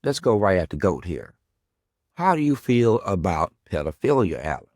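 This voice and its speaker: Low-voiced man delivering a needling, profane rant. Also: very animated, moderate pace, a little mellow, no room sound, clean studio sound. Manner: sarcastic, profane, needling, repeats questions. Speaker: podcast host. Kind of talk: confrontational monologue addressed to an absent guest.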